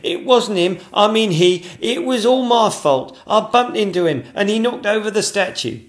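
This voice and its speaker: A man's voice: sits high, animated, normal speed, pitched above the performer's own voice. A man voicing an eager, nervous young male servant who pleads anxiously. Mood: pleading.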